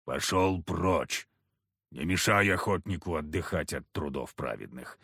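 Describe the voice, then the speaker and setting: A man voicing a gruff, sullen big village hunter who grumbles curtly. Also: a bass voice, animated, measured pace, sharp tone, dry recording, clean studio sound, voice pushed down, full character voice. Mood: angry. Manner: grumbling, curt.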